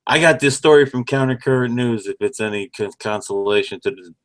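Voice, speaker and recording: A man's voice: mid-range voice, brisk, a bit bright. A man co-hosting a talk radio show, laid-back and blunt, laughing along with the host. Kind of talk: casual talk radio banter.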